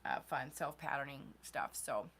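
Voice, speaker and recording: A bright, forceful American woman's voice, talking in an easygoing, rambling way. She co-hosts a casual live stream from her yarn shop and fills the gaps with ums and likes. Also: extremely low pitch, moderate pace, breathy edge. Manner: chatty, rambling, lots of fillers. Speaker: yarn shop co-owner and host.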